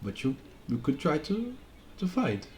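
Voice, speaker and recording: A man working as game master, improvising narration in a halting manner and often repeating words. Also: fairly high pitch, wildly swooping pitch, darkish tone, a little hiss or hum.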